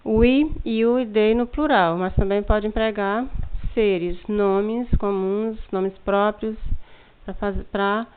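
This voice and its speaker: A woman with a Brazilian Portuguese accent teaches a remote lesson, walking through each point patiently and often telling students to look. Her voice is smooth and clear, with a middle pitch. The recording is narrow and tinny, like a phone line. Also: steady tone, takes it slowly. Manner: patient, step-by-step explaining with frequent "look" prompts. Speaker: English teacher.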